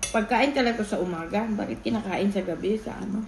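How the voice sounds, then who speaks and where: A woman's voice: medium pitch, brisk, vocal fry, darkish tone, reverberant, a little hiss or hum. A woman chatting casually in a mukbang vlog while chewing food, her words muffled by a full mouth. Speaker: vlogger in a couple mukbang. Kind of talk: casual chat while eating.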